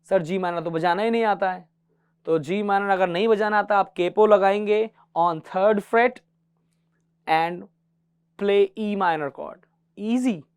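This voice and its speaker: A man's voice: high-pitched, slow pace, clean tone, no echo. A man teaching a guitar class, patiently counting beats aloud and mixing English terms into his explanations. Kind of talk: classroom music lesson.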